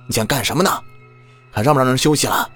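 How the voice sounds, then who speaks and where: A man voicing a stern old village exorcist who scolds and commands loudly. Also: mid-range voice, fast, faint music behind, natural voice. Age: older.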